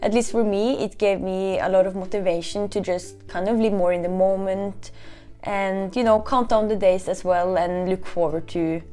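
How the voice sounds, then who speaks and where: A woman's voice: medium pitch, steady tone, normal speed, dark tone, soft background music. A young woman from Norway talking reflectively in a casual vlog, often saying "you know". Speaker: vlogger.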